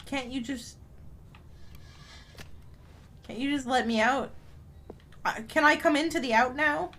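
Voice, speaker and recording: A woman's voice: high-pitched, moderate pace, a bit bright. A woman streamer giving casual live-stream commentary over a game, playful and giggly, with dramatic reactions.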